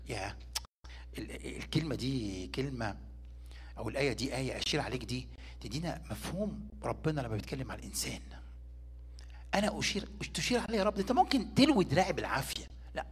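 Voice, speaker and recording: A man with an Egyptian Arabic accent preaching a sermon in a rapid, rather high voice. He swings from emphatic, pointed questions to hushed whispers. His tone is bright and slightly husky.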